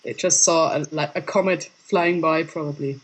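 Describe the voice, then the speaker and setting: Animated man telling stories over a video call. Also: a little high, normal speed, low-quality recording. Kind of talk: casual anecdote telling.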